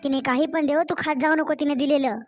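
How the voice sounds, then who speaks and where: A woman's voice: high voice, steady tone, quick pace, faint music behind, natural voice. Woman voicing a harsh cartoon stepmother. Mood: scolding. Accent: Marathwada Marathi. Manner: sharp, scolding, irritable. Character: harsh scolding young stepmother, impatient and cold.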